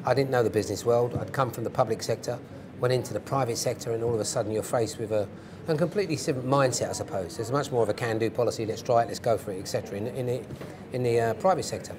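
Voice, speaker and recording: A man's voice: mid-range voice, very fast, background noise. A British man in his fifties explaining things in an interview in an instructive, emphatic way, repeating phrases for stress. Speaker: interview guest, former police hostage negotiator. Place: indoor event interview stage. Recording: crowd murmur behind voices. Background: crowd murmur.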